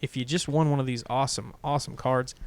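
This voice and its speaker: A man's voice: mid-range voice, steady tone, fast talker, dry recording. A man co-hosting a giveaway show in casual, playful banter, teasing as he chats. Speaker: show co-host.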